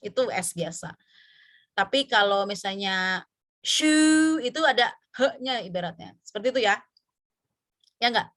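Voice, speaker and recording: A woman with an Indonesian accent teaching an English pronunciation class, drawing out example words slowly and pausing with fillers. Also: medium pitch, animated, fairly bright tone. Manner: slow, drawn-out example words with many fillers. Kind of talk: online class lesson mixing Indonesian and English.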